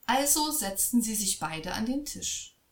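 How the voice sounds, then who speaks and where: A woman reading a fairy tale aloud in a slow, expressive storytelling voice. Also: a little high. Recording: echoey room.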